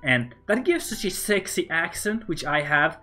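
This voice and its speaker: Building in Minecraft on stream, this Norwegian-accented man from Norway speaks at normal speed in a fairly high, very animated voice with a sharp edge. He chats loosely to himself and cracks jokes for his viewers over faint background music.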